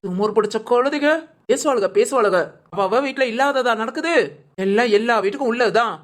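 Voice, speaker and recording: A woman acting a sharp-tongued old village grandmother who scolds and threatens in a gruff way. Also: on the high side, brisk, noisy background, lightly acted. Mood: grumbling. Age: older.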